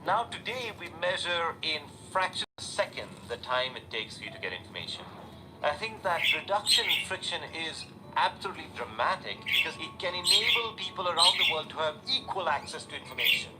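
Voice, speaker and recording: A man's voice: fairly high pitch, big pitch swings, fairly quick. A man from India, giving thoughtful, reflective interview answers. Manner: thoughtful, with many fillers and restarts. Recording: interview with loud background noise.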